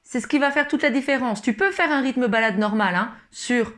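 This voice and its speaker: This ukulele teacher has a voice on the high side and speaks a little fast, competing with loud strumming in the background. Her tutorial walks through every step patiently, and she keeps her tone casual with the learner.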